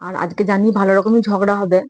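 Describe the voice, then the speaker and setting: Young woman, home prank vlogger; rapid, chatty, talks straight to viewers, dry sound. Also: mid-range voice, little pitch movement, a little mellow, no room sound, muffled recording. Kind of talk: casual vlog talk to viewers.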